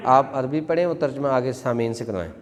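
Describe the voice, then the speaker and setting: A man's voice: medium pitch, fast, slight background noise. A man teaching a Quran class in a mosque, chanting verb conjugations in a rhythmic classroom drill. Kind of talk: classroom Arabic grammar drill. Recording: long hall reverb.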